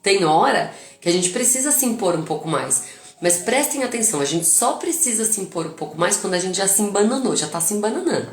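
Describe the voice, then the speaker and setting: A woman's voice: medium pitch, big pitch swings, fairly quick, roomy sound. A Brazilian woman who is a mother, hosting a live talk on parenting in a casual teaching style. She acts out quoted phrases and puts questions to her viewers. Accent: Brazilian Portuguese. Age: adult mother. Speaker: live-stream host on parenting and emotions.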